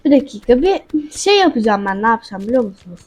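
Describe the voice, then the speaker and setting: High, breathy woman narrating her game. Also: very animated, fast. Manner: chatty, talks to viewers and the game character. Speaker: gaming channel host. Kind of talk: casual let's-play commentary.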